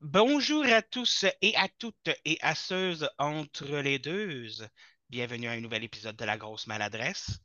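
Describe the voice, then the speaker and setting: A man's voice: on the high side, pushed and bright, no echo. A man with a Quebec French accent hosting a casual interview, teasing his guest with jokes, on a dull lo-fi recording. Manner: teasing, jokey. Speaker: podcast host.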